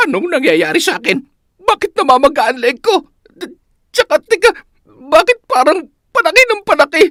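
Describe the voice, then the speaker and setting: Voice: mid-range voice, big pitch swings, moderate pace, fairly bright tone, no echo. Actor doing a frantic young man in agony, wailing for help, voice leaping all over, dry close sound. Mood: terrified. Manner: panicked, sobbing cries for help. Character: terrified young male farmhand, cursed.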